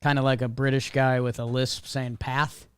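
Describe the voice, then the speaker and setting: A man's voice: mid-range voice, level tone, normal speed, clear, resonant tone, no room sound. A man co-hosting a podcast, chatting in a laid-back, wry way about baseball. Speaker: podcast co-host. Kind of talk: casual sports chat.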